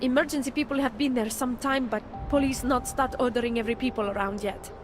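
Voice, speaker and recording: An actress voices a nervous, guilt-ridden surveillance worker in a video game cutscene, using a Czech accent and halting broken English with dropped articles. Her fairly high, steady female voice is lightly acted, anxious and defensive, jumpy and repetitive, with music playing behind it.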